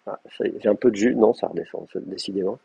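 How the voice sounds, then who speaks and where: A man's voice: on the low side, fairly even intonation, very fast, vocal fry, dark tone, breathy edge, no room sound, highs cut off. A man giving a live university classroom lecture, explaining with hesitant, stop-start delivery and frequent restarts. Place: classroom with in-person and remote students.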